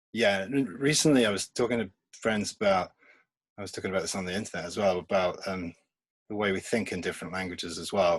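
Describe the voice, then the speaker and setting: In a laid-back remote podcast interview, a comics artist with a deep, husky voice rambles, frequently laughing between thoughts. He's from England, his first language is Polish, and the audio has no echo.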